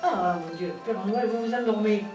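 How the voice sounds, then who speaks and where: A woman's voice: mid-range voice, moderate pace. A woman in her eighties, a former farmer, talking hesitantly and rambling with many fillers. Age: 80s. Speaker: elderly resident, former farmer. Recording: roomy, distant mic, music behind.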